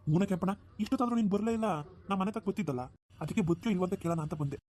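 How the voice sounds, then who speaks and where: A man's voice: high voice, lively intonation, very fast, a little mellow. A man voicing a nosy, pushy village drinking buddy in a cartoon. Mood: prodding. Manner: prodding, nosy. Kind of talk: cartoon dubbing.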